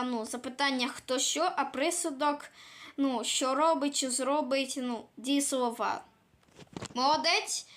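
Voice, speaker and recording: A man's voice: extremely high pitch, bright, forceful tone, heavily acted. Bossy schoolteacher, a boy putting her on. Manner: bossy, quizzing pupils and grading. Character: strict female schoolteacher running a class.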